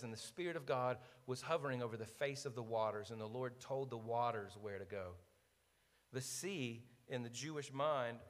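A male pastor preaching in a relaxed, conversational way, tossing questions to his listeners. He sinks into a quiet, intent tone to drive points home. His voice rings with the long reverb of a large sanctuary. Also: mid-range voice. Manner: conversational preaching, drops to a hushed tone for emphasis. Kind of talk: sermon.

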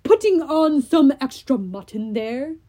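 A woman voicing a huge brutish male cyclops shepherd who bellows loudly. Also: sits high, big pitch swings, unhurried. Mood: gruff bellowing. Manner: loud bellowing.

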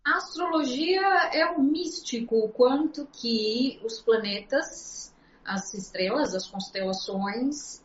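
Earnest woman explaining, echoey and dull. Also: on the high side. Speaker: astrologer guest. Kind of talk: casual interview chat.

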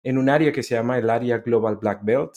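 Brisk and a little mellow, his medium-pitched voice carries a relaxed interview conversation. He's an American from Central America, appearing as a podcast guest, friendly and chatty, quick to laugh.

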